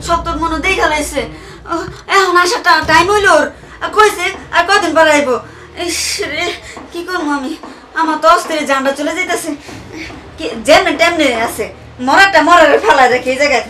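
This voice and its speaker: A woman acting as a scheming, quick-tempered stepmother, very high and bright, fretting to herself and snapping back defensively. She sounds a little away from the mic in an echoey room, with music underneath. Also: distant mic, slight background noise. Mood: fretful. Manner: fretful muttering to herself, then loud and defensive. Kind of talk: amateur short-film acting.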